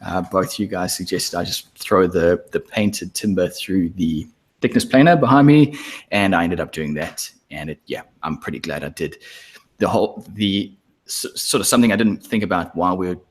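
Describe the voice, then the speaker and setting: A man's voice: deep voice, moderate pace, breathy edge. A man co-hosting a casual podcast from his woodworking workshop, explaining his build step by step. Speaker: podcast co-host. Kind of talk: casual chat.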